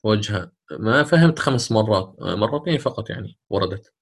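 In a lesson recorded for an online institute, a man with a husky, expressive, lowish voice teaches the rules of Quran recitation step by step. Between plain explanations he recites examples slowly and drawn out, and he often asks his students check questions.

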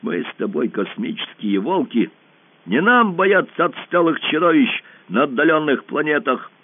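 A man's voice: on the high side, big pitch swings, normal speed, dry recording. A man voicing a bold, boastful young boy who talks with brash bravado, heard over a narrow phone-like band. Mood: scheming.

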